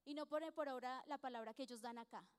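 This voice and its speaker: A woman's voice: sits high, fast talker, clear, resonant tone. A woman preaching and telling her own testimony in an earnest, chatty way. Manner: earnest, chatty, acts out dialogue with frequent small laughs. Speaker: church speaker giving testimony. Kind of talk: sermon with personal testimony. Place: church. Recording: echoey church hall.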